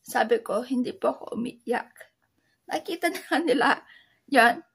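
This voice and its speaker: A woman from the Philippines chatting casually as an online seller, with a soft voice that sounds like crying, talking haltingly with many fillers. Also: a little high, vocal fry, breathy edge. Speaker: online seller sharing tips. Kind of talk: casual vlog talk.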